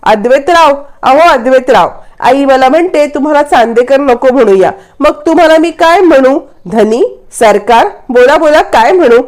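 A woman's voice: high voice, lively intonation, moderate pace, hardly any pauses, darkish tone. A woman narrator voicing a playful, teasing young wife.

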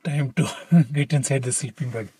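A man's voice: medium pitch, moderate pace, dark tone, slightly rough. A man in his thirties vlogging casually from inside a parked car in the snowy cold, talking to a close camera while cooking. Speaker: travel vlogger. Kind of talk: casual vlog narration.

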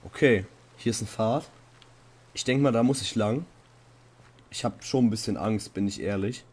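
A man's voice: moderate pace, slightly rough. Young man joking about being scared. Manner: playful mock fear, bursts into high panicked shouts. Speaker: Minecraft let's-play host. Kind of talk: casual gaming commentary.

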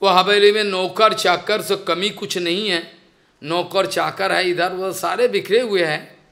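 A man's voice: high-pitched, steady tone, measured pace, vocal fry, pushed and bright. A man giving a devotional lecture, telling a story and explaining it step by step, repeating his phrases and slipping in English words. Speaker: spiritual teacher.

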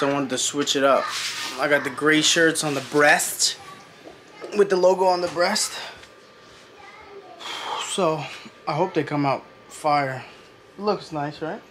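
Noisy home camera audio captures a family vlogger in his thirties holding a handheld camera at arm's length as he chats casually in his kitchen and bedroom. His fairly high-pitched voice rambles, teases and swears often.

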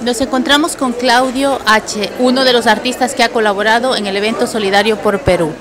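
A woman's voice: on the high side, fairly even intonation, a little fast, music in the background. A woman reporter interviewing guests in a small café venue, asking upbeat questions into a handheld mic.

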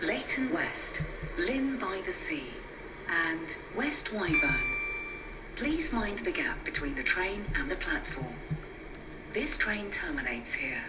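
A woman voicing an onboard train announcer, heard over a PA loudspeaker and speaking in a slow, formal way. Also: fairly low pitch. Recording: echoey distant loudspeaker, loud train noise.

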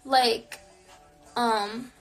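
Drawing out her words with fairly even intonation, a woman in her twenties speaks at a fairly high pitch over soft background music. She's live streaming from a small bedroom lit by neon, chatting reflectively, answering viewers, and filling her speech with "like," all into a phone camera close to her face.

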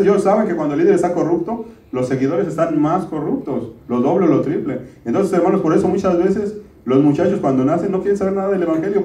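A middle-aged pastor preaches a sermon, addressing the congregation conversationally and often calling them brothers. His voice is a little high and mellow, captured in a roomy, distant church recording.

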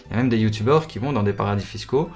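A man's voice: on the low side, racing, a little mellow, soft background music. A man, a gaming YouTuber chatting casually with his viewers in a hesitant way, full of fillers and repeated words.

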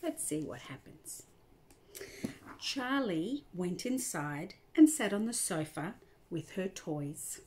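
An older woman with a lowish, darkish voice reads a picture book aloud to children, slowly and with big pitch swings, pausing to talk about the pictures. There's a little hiss or hum in the recording.

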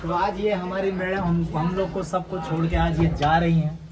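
A man vlogging casually on a phone camera around his office, hurrying people along excitedly. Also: high voice. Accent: Mumbai Hindi. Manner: excited, hurried urging. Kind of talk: casual vlog chat. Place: office building and street, crowded. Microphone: handheld phone camera. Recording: busy crowd noise behind.

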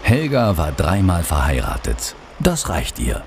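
Deep-voiced male documentary narrator. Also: wildly swooping pitch, a little slow, vocal fry, a little mellow, slight background noise. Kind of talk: scripted narration. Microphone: studio voice-over.

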